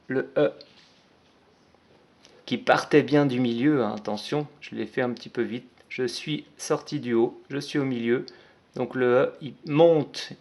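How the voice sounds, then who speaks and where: A man guides young children through writing a short message letter by letter. He talks slowly and patiently, in a mid-range voice, describing each stroke as he draws it. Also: mid-range voice, a little mellow. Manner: slow, patient, spells out letters and strokes step by step. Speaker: teacher. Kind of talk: handwriting lesson for young children.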